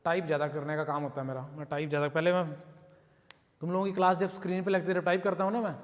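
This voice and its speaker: A man's voice: fairly high pitch, flat delivery, rapid-fire, in a large hall. A man with an Indian accent teaching an English class in Hindi. He works through English example sentences and keeps checking in with his students. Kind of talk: classroom lesson. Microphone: camera recording the class.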